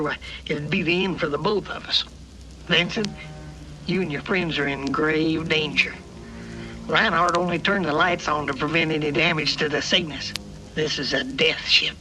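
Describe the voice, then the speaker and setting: A man acts out an old, rusty, battered robot in a storybook drama. He is high for a male voice and talks like a weary, folksy old-timer, loyal and fearful, with clear music behind him. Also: moderate pace, lightly acted, low-quality recording. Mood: urgent warning.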